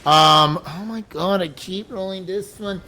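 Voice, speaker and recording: A man hosting a charity livestream, excitable, reading donations aloud and reacting loudly. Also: sits high, a little slow, slight background noise. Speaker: charity stream host. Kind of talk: casual livestream chat.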